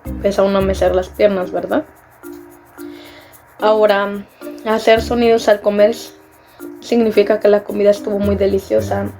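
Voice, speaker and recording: Mexican woman, young, casual vlog chat, gravelly fry, faint music behind. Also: medium pitch, flat delivery, moderate pace, pauses often, warm tone. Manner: chatty, many fillers like "este", laughs at herself. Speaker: vlogger. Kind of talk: casual vlog explaining customs.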